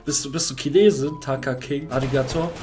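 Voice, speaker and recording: A man's voice: medium pitch, steady tone, fairly quick. A young man with a German accent talks over a headset at his gaming desk, casual and cocky, ribbing his teammates between moves. Faint music plays under his voice. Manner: teasing, cocky trash talk. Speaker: gaming streamer. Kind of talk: casual gameplay chat.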